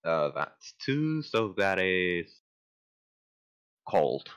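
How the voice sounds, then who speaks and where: A man chatting casually as a tabletop game player, halting and loosely profane as he talks. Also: low-pitched, big pitch swings, fairly bright tone, clear, resonant tone.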